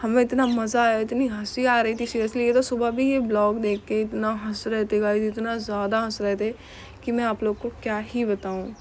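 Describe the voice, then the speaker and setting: A woman's voice: a little high, flat delivery, moderate pace, darkish tone, slight background noise. Chatty young woman narrating a home vlog. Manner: giggly, chatty storytelling. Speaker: vlogger.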